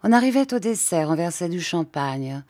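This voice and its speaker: A woman reading a literary short story aloud in a measured, expressive way. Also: on the low side. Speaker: reader. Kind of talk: literary audiobook narration.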